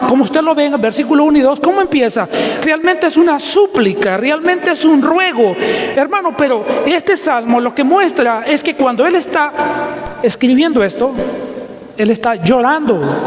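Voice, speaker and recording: A man with a strikingly high voice preaching a sermon. He poses questions and answers them himself, repeating key words and addressing the congregation as brothers. His voice rings through a roomy church hall with a long, lingering reverb. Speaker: pastor. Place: church sanctuary.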